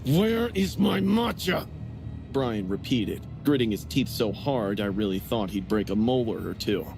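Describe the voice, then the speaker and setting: A man's voice: fairly low pitch, moderate pace. Man narrating a story over music. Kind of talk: scripted narration.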